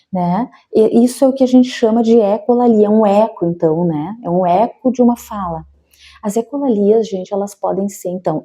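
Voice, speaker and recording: A woman's voice: medium pitch, mellow. A Brazilian educational psychologist, a woman, explains a topic to parents in a friendly, conversational way, often checking in with tag questions.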